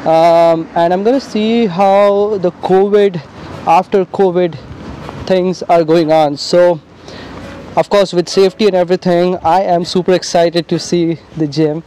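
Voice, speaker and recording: A man's voice: sits high, steady tone, unhurried, mellow, a little hiss or hum. Upbeat man vlogging, lots of uhs. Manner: upbeat, hesitant with frequent fillers. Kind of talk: casual vlog talk to camera. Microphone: handheld camera mic.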